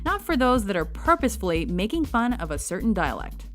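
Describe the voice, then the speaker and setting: A woman's voice: mid-range voice, big pitch swings, brisk, faint music behind. A woman reading a scripted countdown narration with wry, sarcastic asides.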